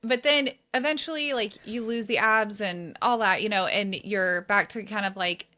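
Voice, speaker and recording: Podcast co-host, woman in her thirties, bright tone, enthusiastic and full of "like". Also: mid-range voice, moderate pace. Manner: enthusiastic, lots of "like" and restarts. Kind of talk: casual chat.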